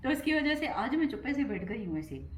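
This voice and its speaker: Fast-talking woman vlogger, echoey room. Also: sits high, very animated. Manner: fast talker who stumbles over words and laughs often. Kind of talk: casual vlog chat.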